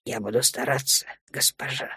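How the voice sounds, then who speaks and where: A woman voicing a dark alien lord, a grown man who is tender and teasing, speaking low and soft. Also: moderate pace, husky, no echo, clean studio sound. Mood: calm reassuring.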